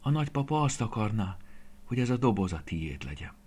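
A man voicing a loving, fussy old grandmother in a children's story, calling out in a high, shrill voice. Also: very animated, a little mellow, husky. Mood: tender. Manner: high, shrill cries of worry.

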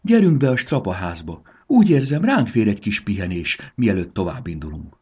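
Man doing a courteous, gruff gentleman. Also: lowish voice, very animated, pitched above the performer's own voice. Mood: formal. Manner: polite, formal, slightly grumbling.

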